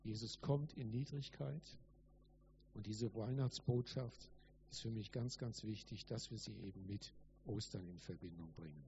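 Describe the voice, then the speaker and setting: A male preacher gives a Christmas sermon and reads a story aloud. His delivery is earnest and emphatic, and he repeats words for stress. His voice is dark and mellow, and the recording is slightly dull with faint hiss. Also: lowish voice, unhurried.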